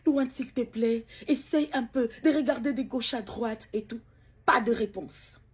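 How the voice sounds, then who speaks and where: Speaking in a somewhat high, slightly rough voice, a middle-aged bereaved mother shares a personal, emotional account. Her delivery falters, full of pauses and repetitions.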